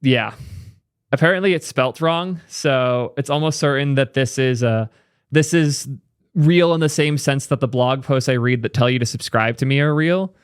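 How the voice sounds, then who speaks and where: A young man giving casual, opinionated commentary as a tech streamer, thinking aloud with quick asides. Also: mid-range voice, smooth, no room sound, clean studio sound. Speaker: tech streamer reacting to clips.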